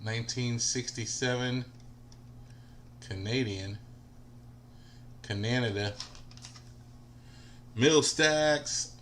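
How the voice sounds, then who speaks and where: A man in his forties hosts a casual livestream, chatting with viewers and answering their comments by name. His mid-range voice is slightly bright and moves very slowly, with long pauses, over a little background noise.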